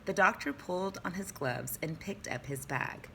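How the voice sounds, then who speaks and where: Chatty low-voiced woman teacher. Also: expressive, moderate pace, vocal fry, a bit bright, a little hiss or hum. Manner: chatty, easily distracted, playful. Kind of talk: reading a novel aloud and discussing it.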